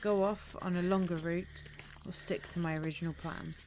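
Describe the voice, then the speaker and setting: A woman's voice: lowish voice, steady tone, moderate pace, darkish tone, a little hiss or hum. A woman chatting casually and enthusiastically as she narrates a country walk for a vlog. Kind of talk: casual chat.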